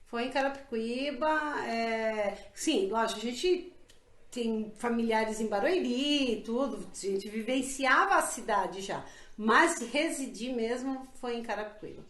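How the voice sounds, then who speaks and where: High-voiced woman in an echoey room. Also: measured pace, fairly bright tone. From Brazil. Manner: earnest, reflective, many fillers and restarts. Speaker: interviewee, council pre-candidate. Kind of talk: casual interview.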